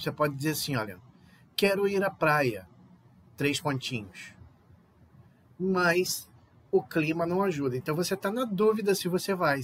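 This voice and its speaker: A man's voice: a little high, a little hiss or hum. A Brazilian man with a Brazilian Portuguese accent, a native Portuguese speaker, teaching a recorded online Spanish lesson and checking understanding with frequent little tag questions. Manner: explains patiently, often checks with "tá?" and "né?".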